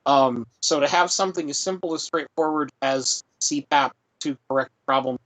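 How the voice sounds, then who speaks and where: A man's voice: on the high side, moderate pace, fairly bright tone, poor audio. Man on a glitchy, cutting-out call line. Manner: earnest, emphatic, many ums. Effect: choppy audio cutting out on a remote call. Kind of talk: casual explanatory chat. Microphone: remote call line.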